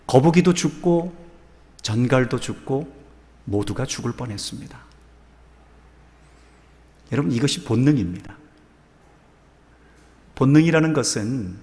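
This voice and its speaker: A man's voice: mid-range voice, a little mellow. Male pastor preaching in a reverberant church. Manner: slow, measured storytelling. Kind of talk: sermon. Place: church sanctuary.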